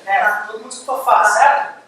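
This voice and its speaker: A man giving a university lecture, lively and firing quick questions at the audience. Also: very high voice. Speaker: guest lecturer. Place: large lecture hall. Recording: echoey hall, distant mic, faint hiss.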